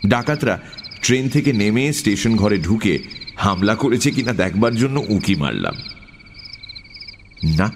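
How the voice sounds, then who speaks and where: A man narrating an audiobook story in an expressive storytelling manner. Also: lowish voice, slight background noise. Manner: expressive storytelling, tense at times.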